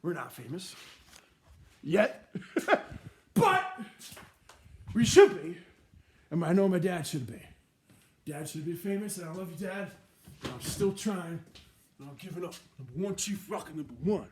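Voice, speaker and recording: A man rambling in a profane, animated monologue, swinging from mumbling to shouting. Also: sits high, measured pace, pauses often. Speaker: vlogger. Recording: roomy echo with faint noise.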